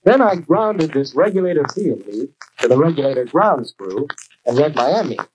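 An American actor playing a keen, plain-spoken young garage mechanic in scripted 1940s training film dialogue. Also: male voice, fairly high pitch, big pitch swings, moderate pace. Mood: matter-of-fact. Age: young adult. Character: keen young male garage mechanic explaining his work. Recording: noisy 1940s film soundtrack.

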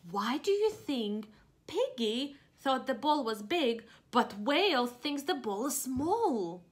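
With a high, very animated voice and a slow pace, a young woman who teaches preschool reads a picture book aloud indoors in a living room, explaining expressively and asking the small children questions.

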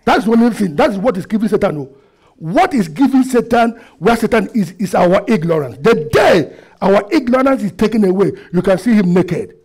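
A middle-aged man, preaching a sermon into a headset mic in a church hall, asking the congregation questions and swinging between loud and quiet. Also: sits high, animated, moderate pace, husky. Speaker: pastor. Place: church hall with projector screen, indoors.

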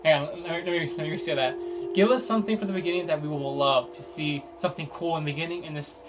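A young man talks through a film review off the cuff, stumbling over his words and leaning on "you know" and "like". His voice sits a little high for a man, and music plays clearly beneath him. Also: quick pace. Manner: rambling, many fillers and restarts. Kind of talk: casual unscripted review.

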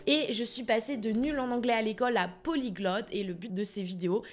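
French woman teacher, fairly high voice, energetic explainer addressing the camera. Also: a little fast, soft background music. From France. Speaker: language school founder and teacher. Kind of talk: teaching video, direct to camera.

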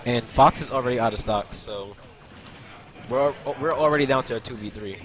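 A young esports commentator talks a little fast in a mid-range voice, with a crowd audible in the background and loud game music behind him. Commentating the tournament stream, he keeps things casual, laughs often and responds to chat between plays.

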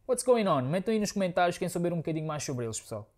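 Racing along in a high, very animated voice over heavy noise, a thirtysomething man from Angola who grew up in Portugal rambles casually to his viewers. He's a music reaction host on a sofa indoors in his living room, speaking European Portuguese and leaning on "né, pessoal".

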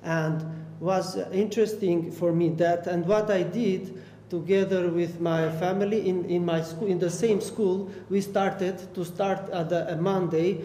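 A hesitant young man, an artist from Albania who grew up speaking Romani, takes part in a panel discussion in an art gallery room, his speech full of fillers and repeated words. His voice is high and dark, with fairly even intonation and a slightly slow delivery. The stand mic recording has an echoey hall sound and faint noise.

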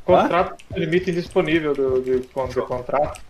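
A man's voice: on the high side, normal speed, a little hiss or hum. A Brazilian man talking casually as a squad teammate over game voice chat. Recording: roomy voice chat, loud gunfire.

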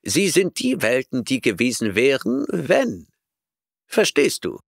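A man's voice: mid-range voice, huge pitch swings, takes it slowly, gravelly, no echo, clean studio sound, pitched above the performer's own voice, heavily acted. A man reading an audiobook voices an arrogant, eccentric male professor who lectures impatiently and snorts at his listener. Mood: lecturing.

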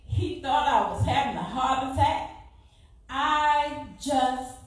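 A middle-aged woman with a Southern US accent giving a fervent church testimony, rising to loud exclamations. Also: high voice, slow. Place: large church sanctuary. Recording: echoey church from far off.

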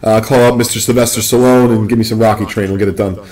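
A young man from the Northeast US hosting a live card-opening stream, rambling and joking with excitement. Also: on the low side, quick pace, low-quality recording. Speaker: card break host.

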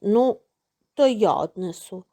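A woman voicing a hardworking, patient little rooster in a children's storybook, speaking calmly and firmly. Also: mid-range voice, takes it slowly. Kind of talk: storybook reading.

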